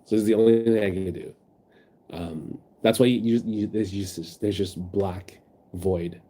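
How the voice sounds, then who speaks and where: A sick, sniffly man rambles through a casual stream chat, reading out his viewers' messages with plenty of ums and likes. His voice sits a little low and sounds mellow and soft-edged, picked up on a phone. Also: fairly even intonation, unhurried. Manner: rambling, reads chat aloud, many fillers.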